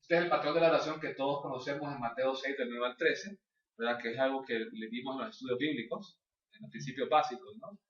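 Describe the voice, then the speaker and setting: A man's voice: mid-range voice, fast, a bit bright. A man teaching a church course, explaining step by step and often checking in with his listeners. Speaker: Bible class teacher. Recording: distant, echoey, dull lo-fi room recording.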